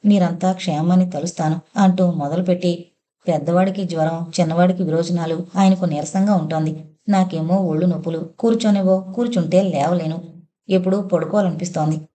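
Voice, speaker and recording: A woman's voice: fairly low pitch, fairly even intonation, brisk, dark tone, natural voice. A woman reading a story, voicing a young husband who teases his wife with playful questions. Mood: teasing. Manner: joking, questioning. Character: young husband, teasing and easygoing.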